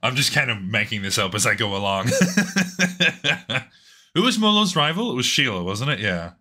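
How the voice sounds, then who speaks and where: An Australian man with a hoarse voice gives casual, excitable gameplay commentary, swearing freely and talking to himself as he plays. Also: medium pitch, unhurried. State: hoarse, losing his voice. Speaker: gaming channel host. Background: game music.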